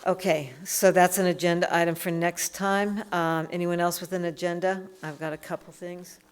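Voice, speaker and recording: A woman chairing a town selectboard meeting, speaking in a halting way with frequent restarts as she thinks aloud. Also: fairly low pitch, level tone, smooth. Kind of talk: town board meeting discussion.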